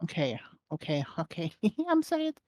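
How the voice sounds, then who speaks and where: A man's voice: fairly high pitch, huge pitch swings, normal speed, darkish tone, no echo. Young man, jokey podcast co-host. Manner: jokey, laughs often, mock-indignant. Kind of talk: casual podcast chat.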